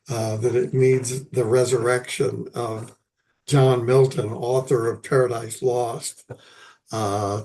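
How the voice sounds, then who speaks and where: Still hoarse and raspy after being ill, an older man leads a poetry lecture, his speech halting and dotted with pauses and fillers. The voice has a medium pitch and a darkish tone.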